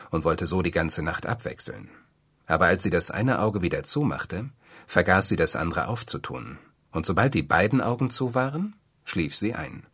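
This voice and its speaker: A man reading a fairy tale aloud as narrator, with expressive storytelling. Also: sits low, husky.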